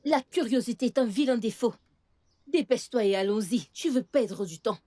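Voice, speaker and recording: A stern, bossy aunt. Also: female voice, fairly high pitch, lively intonation, normal speed, warm tone. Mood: scolding. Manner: scolding and impatient. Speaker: aunt of a young girl. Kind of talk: French dub of a Nigerian film.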